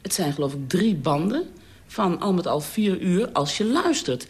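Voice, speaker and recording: A woman's voice: on the low side, big pitch swings, normal speed, a little mellow. A woman with a Dutch accent interviewing a guest in an archival radio programme, asking hesitant questions.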